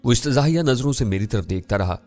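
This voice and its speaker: A man narrating a first-person thriller audiobook in a steady, measured way. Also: medium pitch. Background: faint music.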